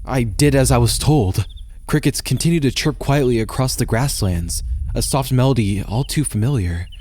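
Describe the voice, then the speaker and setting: A man narrating a first-person horror story in a steady, measured way. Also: medium pitch.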